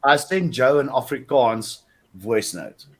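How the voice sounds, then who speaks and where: A man's voice: mid-range voice, expressive, slow pace. A man with a South African accent chatting casually and telling stories among friends on a talk show. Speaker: panelist on a chat show. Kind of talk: casual chat and storytelling.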